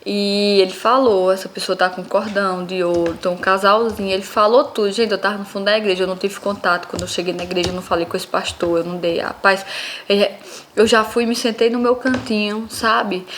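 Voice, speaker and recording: A young woman recounts her faith testimony, speaking earnestly and directly to her audience. Her voice sits at a middle pitch for a woman, and she talks in a plain, heartfelt way. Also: fairly even intonation, a little fast, slight background noise. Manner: earnest, addresses listeners as "minha gente".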